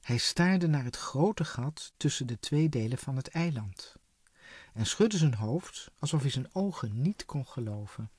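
Brief: expressive children's storybook narrator, slow and breathy, with lively swings in pitch, dry close sound. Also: dry recording. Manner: expressive, many character voices. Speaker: storybook reader.

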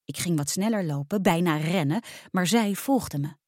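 A woman narrating a first-person storybook aloud in a lively, expressive reading. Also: lowish voice, normal speed, no echo, studio quality.

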